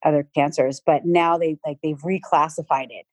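A middle-aged woman with a Boston accent talks in a casual, filler-heavy way, her voice sitting a little low. The sound is dry and close, with no room around it. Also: normal speed, dry recording. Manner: chatty, lots of fillers and animated retelling. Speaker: guest. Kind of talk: casual chat.

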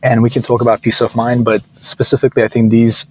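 Turkish-accented male founder in his thirties, mid-pitched, conversational and hesitant, guest on a podcast. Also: level tone, fast talker, poor audio. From Turkey. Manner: hesitant, many fillers and restarts. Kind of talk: casual interview talk.

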